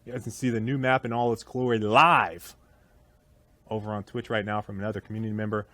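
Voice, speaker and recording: A man's voice: on the low side, fairly quick, dry recording. A man hosting a casual developer livestream, reading out viewer questions and answering them. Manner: relaxed, reads out chat questions and answers them. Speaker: developer stream host.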